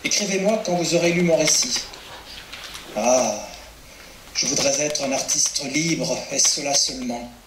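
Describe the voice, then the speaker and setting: A man reading a letter aloud in a measured, even way. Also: on the high side. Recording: echoey room from far off, noise.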